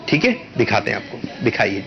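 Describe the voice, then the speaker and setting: A man hosting a children's quiz in a studio, coaxing the kids patiently and stretching words out slowly when he teaches. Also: fairly low pitch, expressive, gravelly, dull audio, crowd noise. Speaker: quiz show host for children.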